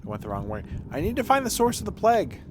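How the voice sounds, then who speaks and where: A man's voice: sits high, huge pitch swings, fast talker, heavy background noise. A man giving casual, slangy, sweary gameplay commentary as a video game streamer. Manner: sweary, slangy, exasperated outbursts.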